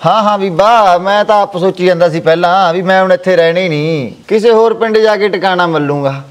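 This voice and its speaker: A man's voice: sits high, a little fast, lightly acted. Baba: a man playing a sly village holy man. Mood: reassuring. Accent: Malwai Punjabi. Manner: soothing, placating, calls others child. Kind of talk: village family drama acting.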